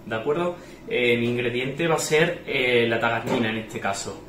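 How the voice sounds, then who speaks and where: At a moderate pace and in a mid-range voice, a man demonstrates cooking a recipe step by step, often checking in with his viewers. Recorded in a small tiled restaurant kitchen, the audio echoes amid frying noise and the sizzle of a pan.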